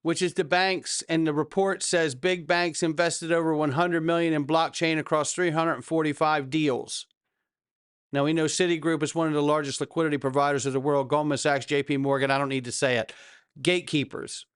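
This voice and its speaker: A man with a fairly high, very clean and resonant voice delivers market commentary as a crypto bro host. He is emphatic and salesy, often putting rhetorical questions straight to his audience. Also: flat delivery, fairly quick, smooth, no room sound, studio quality. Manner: crypto bro hype talk. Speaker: host of a cryptocurrency news show. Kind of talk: hype-driven market commentary to viewers.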